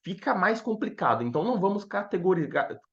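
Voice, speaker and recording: A man with a Brazilian Portuguese accent teaching English in a live online lesson, slowly repeating each word twice and chatting with viewers. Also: sits high, slightly rough, muffled recording. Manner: chatty, animated explaining to viewers.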